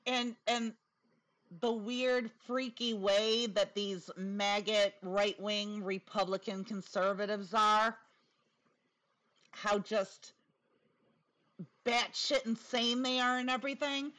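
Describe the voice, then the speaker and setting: A woman talks in a casual, opinionated way at an unhurried, slow pace. Her mid-pitched voice carries a lisp, with whistling s sounds. Her delivery is blunt and openly sarcastic. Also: fairly even intonation, fairly bright tone, low-quality recording. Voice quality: lisp with whistling s from new dental appliance. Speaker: commentator.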